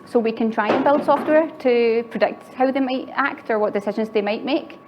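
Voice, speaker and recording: A woman's voice: fairly high pitch, moderate pace. A woman giving a conference tech talk in a chatty way, often laughing lightly between phrases. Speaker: conference speaker. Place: conference venue with live audience. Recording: slightly muffled recording with faint background noise.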